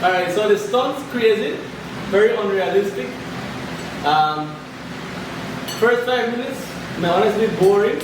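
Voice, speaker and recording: Male podcast host, high-pitched, informal group chat, far from the mic with clear background noise. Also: expressive, measured pace, pauses often. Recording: echoey room, distant mic, noisy background.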